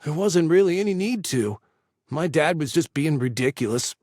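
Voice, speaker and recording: A man's voice: fairly high pitch, expressive, moderate pace, darkish tone, no echo, clean studio sound, voice pushed up. An offhand teenage boy, blunt and easygoing, read by a male narrator. His talk is casual and slightly raised, like a kid chatting in the backyard in a storybook reading.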